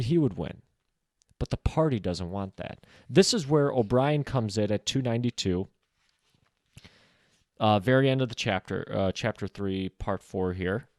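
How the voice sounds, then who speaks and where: A man talks through a book on his podcast in a loose, thinking-aloud way, peppering his sentences with fillers. His voice sits at an ordinary middle pitch, recorded close and dry with no room sound. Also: darkish tone, no echo. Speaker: podcast host discussing a novel. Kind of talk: casual solo book discussion.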